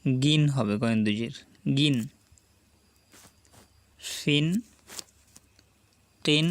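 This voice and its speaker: A man with a Bangladeshi Bengali accent teaching Quran reading. He spells out syllables slowly and deliberately, and asks the viewers to repeat after him. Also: on the high side. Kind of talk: slow spelled-out recitation lesson.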